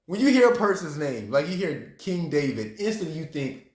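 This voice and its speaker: A man preaching a sermon, talking straight to his congregation, acting out reactions and breaking into high exclamations. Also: sing-song, moderate pace, a little mellow, roomy sound. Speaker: pastor.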